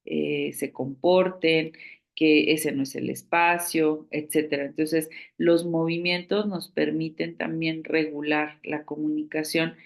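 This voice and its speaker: Slow, gravelly-voiced woman instructor. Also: deep voice, flat delivery. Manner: measured, explanatory, pauses to search for words. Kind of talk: online training lecture.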